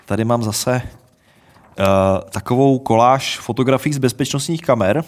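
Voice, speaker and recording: Wry deadpan man telling a mystery. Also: medium pitch. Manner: wry, explanatory, deadpan asides. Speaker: podcast co-host. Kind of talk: casual chat, storytelling.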